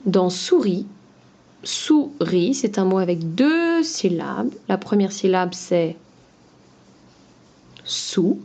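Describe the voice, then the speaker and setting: A woman teacher talking slowly and patiently to young children, spelling out each word syllable by syllable. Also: mid-range voice, very animated, dark tone.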